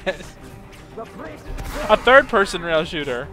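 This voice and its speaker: A man's voice: a little high, very animated, takes it slowly, music in the background. A man playing a video game and trading dry, playful banter with a friend. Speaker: let's play co-host, player. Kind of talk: casual gameplay commentary.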